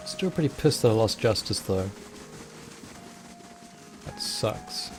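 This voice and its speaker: A man's voice: lowish voice, animated, slow pace, soft background music. A man casually commentating his own gameplay, rambling and thinking aloud. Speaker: let's play host.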